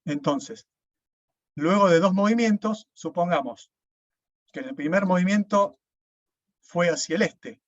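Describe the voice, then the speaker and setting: A man's voice: sits high, measured pace, pauses often, no room sound. A man, lecturing an online class, explaining step by step and often checking with "¿sí?". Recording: dull, dry lo-fi sound.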